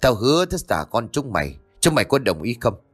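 A man's voice: medium pitch, sing-song, fairly quick, breathy edge, soft background music. A man voicing a cruel, hot-tempered male neighbor who snarls threats, in a spoken ghost story. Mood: menacing.

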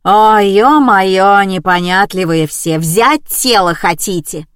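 A woman voicing a rude, loud middle-aged morgue receptionist who barks at callers. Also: mid-range voice, slow pace, clear, resonant tone, dry recording, studio quality, natural voice. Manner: barking, rude.

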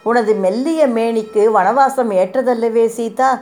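A woman's voice: on the high side, measured pace, darkish tone, pitched above the performer's own voice, close to an everyday voice. Woman reading as a noble prince, tender, consoling, sorrowful, storybook.

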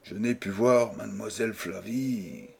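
A man reading an audiobook voices a humbled young man who answers quietly and defensively. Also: fairly low pitch, a little slow, vocal fry, slightly rough, full character voice. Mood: subdued. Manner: subdued, murmuring.

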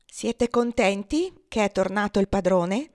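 A woman voicing a careless, mocking gentleman master who talks in an offhand, teasing way, in a storybook reading. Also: mid-range voice, expressive, unhurried, no echo, studio quality, lightly acted.

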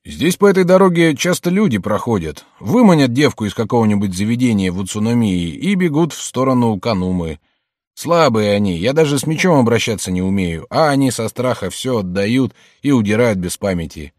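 A man reading aloud and voicing a former servant turned highway robber who plaintively explains himself. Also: very animated, brisk, a little mellow, dry recording, clean studio sound, close to an everyday voice. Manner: plaintive, rambling, sighing.

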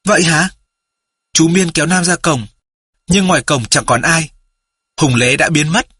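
Male narrator, audiobook, husky, fairly high voice, dry sound. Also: normal speed, no room sound. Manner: steady storytelling.

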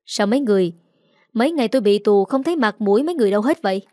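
A woman's voice: mid-range voice, lively intonation, very fast, a little mellow, dry recording, lightly acted. Brief: woman reading as a resentful young husband out of jail, accusing tone, dry close read.

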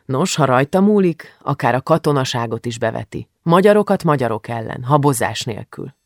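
A calm, measured storyteller reading a novel aloud with a gravelly edge to the voice. The recording is dry and close, with no room sound. The pitch sits in the middle range. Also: no room sound. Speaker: audiobook narrator. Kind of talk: scripted narration.

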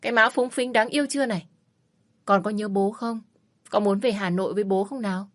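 A woman's voice: mid-range voice, fairly quick, lightly acted. Woman putting on a smug, pushy ex-husband. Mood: smug teasing. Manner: wheedling, mocking, overly familiar. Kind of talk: storybook narration.

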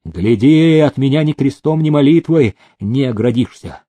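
A man's voice: mid-range voice, animated, normal speed, no echo, natural voice. A man voicing a hot-tempered young male heir who threatens and barks orders. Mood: stern. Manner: menacing, shouting threats.

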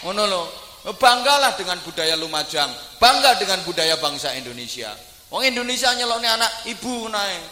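A male preacher, his voice high and piercingly bright. He swings between playful jokes and loud, fervent declamation. The sound rings out with long reverb across a large hall, with faint room ambience behind. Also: very animated, normal speed, a little hiss or hum. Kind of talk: humorous sermon.

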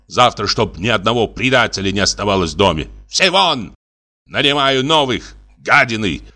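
A man reading the part of a wealthy, pampered, hot-tempered gentleman who shrieks his lines. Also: quick pace. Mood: shouting at servant. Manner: shrill, shrieking outbursts.

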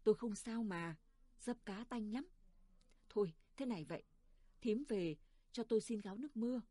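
A woman's voice: medium pitch, normal speed, warm tone, no room sound, natural voice. A woman voicing a tired, stubborn old village mother who brushes off worry. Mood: tired, dismissive.

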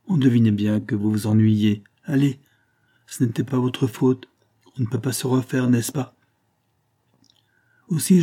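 A man's voice: medium pitch, natural voice. A man reading a novel aloud, voicing a big, kindly peasant charcoal-burner who speaks plainly and sighs. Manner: plain-spoken, gentle, sighing. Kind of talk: audiobook reading.

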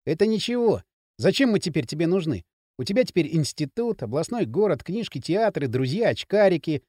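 A man's voice: fairly high pitch, big pitch swings, brisk, darkish tone, no echo, clean studio sound. A male reader voicing a proud, awkward young village man who answers in blunt, short retorts. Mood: bitter.

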